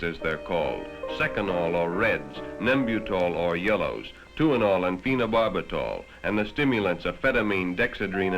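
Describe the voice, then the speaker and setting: Low-voiced but a bit bright, an American man narrates from a script, speaking directly to the listener. His delivery is grave, dramatic and moralizing, in 1960s educational film fashion. The vintage 1960s film soundtrack has its highs cut off and prominent background music.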